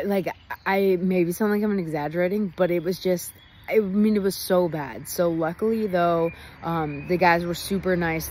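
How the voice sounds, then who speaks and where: Chatty woman vlogging by a highway. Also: a little mellow, a little hiss or hum. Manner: chatty, rambling, laughs often. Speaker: travel vlogger. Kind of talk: casual recap vlog. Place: outdoors near a highway. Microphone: phone.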